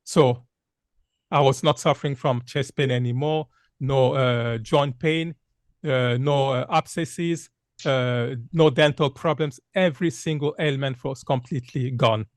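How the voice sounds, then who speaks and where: A man's voice: medium pitch, fairly even intonation, a little slow, no room sound, studio quality. A man in his fifties from Congo gives an earnest public health talk with many "uh" fillers. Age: 50s. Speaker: speaker giving a health talk.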